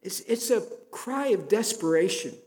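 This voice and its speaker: A pastor preaches from the pulpit, earnest and storytelling, his voice swelling into emphatic pleas. His voice sits a little high for a man but has a darkish tone, and he's animated yet a little slow. The long reverb of a big church sanctuary rings around him.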